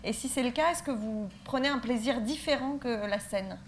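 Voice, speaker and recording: A woman's voice: on the high side, moderate pace. A woman hosting a web TV festival interview, friendly and hesitant, with many fillers.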